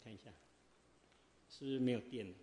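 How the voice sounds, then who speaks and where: A man preaching a sermon, quizzing the congregation and swinging from quiet asides to loud exhortation. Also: mid-range voice, brisk, long reverb tail, slight background noise. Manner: lively, quizzes the congregation with fill-in questions. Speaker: pastor. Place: church sanctuary.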